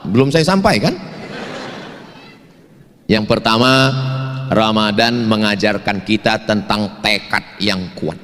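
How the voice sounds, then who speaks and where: A male preacher gives a jokey sermon to students in a big hall at an evening campus event. His voice sits at a middle pitch and carries a long reverb. He tells stories with lively asides. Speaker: preacher and university lecturer.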